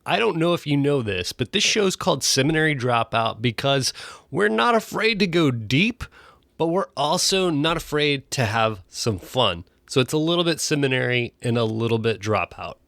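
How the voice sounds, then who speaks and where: A man's voice: medium pitch, lively intonation, moderate pace, creaky, a bit bright, dry recording, clean studio sound. A man hosting a podcast, reading an upbeat scripted intro, then interviewing a guest. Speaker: podcast host.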